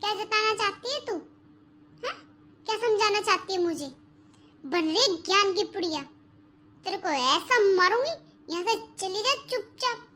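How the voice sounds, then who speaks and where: Role: woman playing a spiteful sister-in-law. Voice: shrill and very high. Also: lively intonation, normal speed, pauses often, sharp tone, slight background noise, heavily acted. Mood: scornful. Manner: scolding, shrill and mocking. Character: harsh young sister-in-law, rude and spiteful. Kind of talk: cartoon voice acting.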